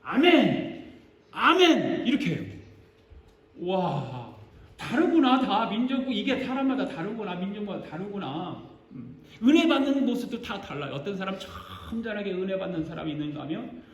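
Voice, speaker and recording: Older male pastor preaching, playful and animated, in a roomy, reverberant church. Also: sits high, moderate pace. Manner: animated, joking, acts out congregation responses. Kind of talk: sermon. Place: church sanctuary. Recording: echoey church sanctuary.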